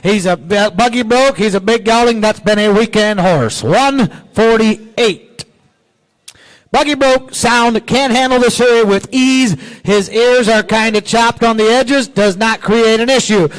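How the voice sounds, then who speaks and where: Man, auction announcer, high-pitched, conversational, describing horses. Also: unhurried, low-quality recording. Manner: plain conversational, relaying seller's notes. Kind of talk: describing sale lots. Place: livestock auction barn.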